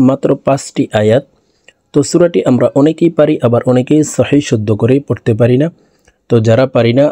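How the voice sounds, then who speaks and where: A man teaching Quran recitation, spelling out each verse letter by letter, then chanting the words slowly and melodically between brisk explanations. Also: medium pitch, warm tone, no echo, studio quality.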